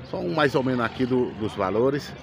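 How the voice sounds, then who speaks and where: A man's voice: medium pitch, moderate pace, creaky, noisy background. A man with a Pernambuco accent, a vlogger giving a casual guided tour of an outdoor cattle and feed market, chatting to viewers. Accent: Pernambuco Portuguese. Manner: chatty, addresses viewers, thanks people often. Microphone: camera held by the speaker. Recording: lively crowd around outdoors.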